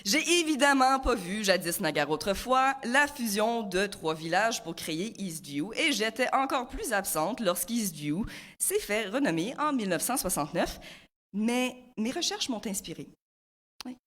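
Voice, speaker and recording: A 26-year-old comic columnist from Ontario, Canada, with a Franco-Ontarian French accent, delivers a humorous, rhyming spoken chronicle full of playful wordplay. Her mid-range voice is fairly bright, swings widely in pitch, and moves a little slowly.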